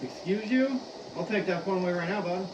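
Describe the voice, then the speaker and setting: A man's voice: high-pitched, fairly quick. A man speaking casually but sternly to children, as a parent would. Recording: muffled, noisy, echoey, distant from mic.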